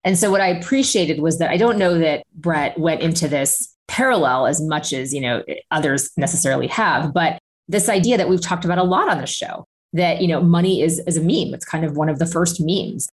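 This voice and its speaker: A woman co-hosting a podcast, thinking out loud in a reflective, conversational way. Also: sits low, a little fast. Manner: reflective, talks through ideas with fillers. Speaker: podcast co-host. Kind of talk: casual discussion.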